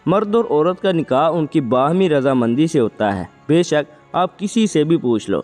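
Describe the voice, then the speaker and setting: A man's voice: fairly high pitch, expressive, a little mellow, close to an everyday voice. A man voicing a stubborn, pleading young suitor. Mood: insistent. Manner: insistent, begging. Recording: long reverb, faint music.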